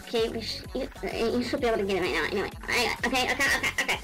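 Female gaming vlogger, bubbly and rambling, high and very animated pitch. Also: racing, faint music behind, rough recording. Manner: excitable, giggly and rambling. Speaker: gaming video host. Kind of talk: casual gaming vlog.

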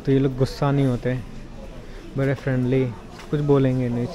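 A young Indian travel vlogger films himself walking through a city market and streets, chatting casually to viewers he calls brothers. His mid-range voice is completely flat and a little fast, with street noise behind the handheld recording.

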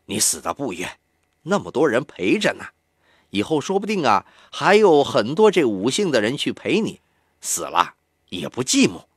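A man reading an audiobook, voicing a boastful, bound older male captive who talks low and scornfully. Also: wildly swooping pitch, moderate pace, slightly rough, no room sound, clean studio sound. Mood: smug.

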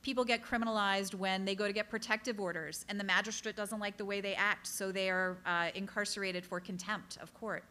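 Bright-voiced woman giving an author talk. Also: mid-range voice, fairly even intonation. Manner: earnest, direct storytelling with quick apologetic asides. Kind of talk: public talk to a live audience.

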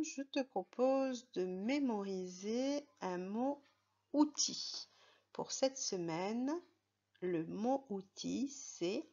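A primary school teacher gives a reading lesson to young children, patiently and carefully spelling out words letter by letter. Her mid-range voice has a darkish tone, and the sound is lo-fi.

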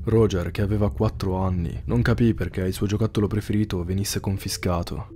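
A man narrating a horror story in a measured, somber scripted read. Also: low-pitched, steady tone, dark tone.

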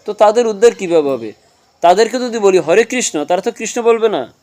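A man's voice: high voice, expressive, fairly quick, a little mellow. A man giving a devotional talk, asking his listeners questions and answering them himself, explaining with everyday examples. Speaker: religious speaker.

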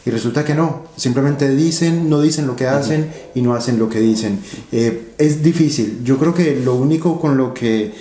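A man's voice: medium pitch, moderate pace, few pauses, mellow, a little hiss or hum. A man, explaining money matters in a seated interview with rhetorical questions and analogies. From Colombia. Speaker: interviewee, finance educator. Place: office room with large windows. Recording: roomy office echo.

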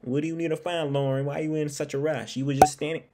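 A man's voice: fairly high pitch, little pitch movement, fast, very noisy. A man chatting casually through a mystery game as a gaming YouTuber, repeating himself as he plays. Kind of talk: casual gameplay commentary.

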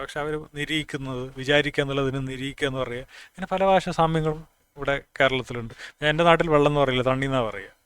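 A man's voice: on the high side, fairly bright tone, smooth, no echo. A man from northern Kerala giving a casual spoken talk, plainspoken and reasoning aloud, often restarting words. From Kasaragod, northern Kerala. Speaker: speaker on language.

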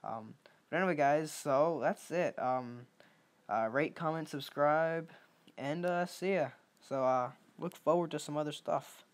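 A man's voice: on the high side, measured pace. A young man talking casually over his gameplay as a gaming YouTuber, rambling with lots of ums and restarts.

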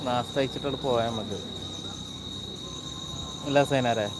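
A man's voice: medium pitch, a little slow. Chatty Malabar Malayalam man, very noisy outdoors. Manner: chatty, informal, addressing viewers directly. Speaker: live stream host. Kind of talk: casual live-stream chat. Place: outdoors at a roadside hill viewpoint. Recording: very noisy outdoor recording, insects, vehicles.

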